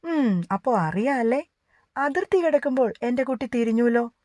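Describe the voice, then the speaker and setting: A woman's voice: a little high, expressive, moderate pace, mellow, no room sound, clean studio sound, voice pushed up, close to an everyday voice. A woman voicing an affectionate young husband who speaks in a coaxing, sing-song way in a romance audiobook. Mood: tender.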